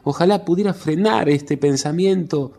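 A man reading the lines of an anxious adult woman who worries about her family, in a rushing, spiraling way. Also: fairly high pitch, gravelly, warm tone, pitched above the performer's own voice. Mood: frantic.

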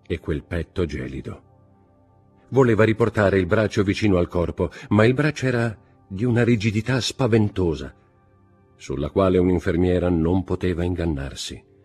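Deep, husky male audiobook reader. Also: a little mellow. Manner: measured and grave, with acted dialogue. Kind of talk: dramatic literary reading.

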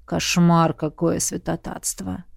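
A woman reading an audiobook, voicing a commanding, teasing middle-aged king in a lowered, hushed voice that turns to barked orders. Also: little pitch movement, slow pace, gravelly, no echo, studio quality, full character voice. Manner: low, hushed and teasing, then barking orders.

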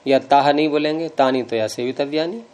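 A man's voice: on the high side, a little fast, darkish tone. A man with a Hindi accent teaching Sanskrit grammar to a class, patiently explaining and repeating word forms aloud.

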